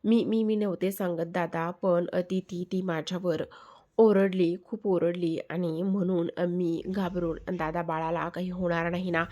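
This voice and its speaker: A woman reading the part of a frightened young college girl who stammers through tears, in a low, fairly flat voice. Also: a little slow, lightly acted. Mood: scared stammering. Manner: stammering, tearful.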